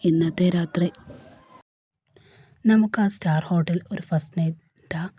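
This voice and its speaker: A woman's voice: lowish voice, normal speed, mellow, breathy edge, dry recording. A woman voicing a hurt young husband.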